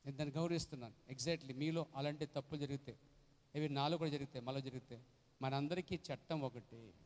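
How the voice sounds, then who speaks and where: A man's voice: medium pitch, brisk, a little mellow, in a large hall. A man preaching as a pastor, emphatic and questioning his congregation. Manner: emphatic, questioning the congregation, acting out quoted voices. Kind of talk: Telugu sermon with acted quotes. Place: church hall.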